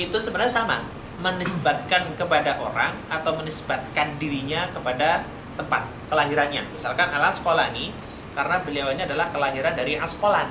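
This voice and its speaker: High-pitched man, Arabic teacher, quizzing students, echoey room, noisy background. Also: brisk. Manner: quizzing students, call and response. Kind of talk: classroom lesson. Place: mosque study room. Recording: roomy hall, noisy room recording.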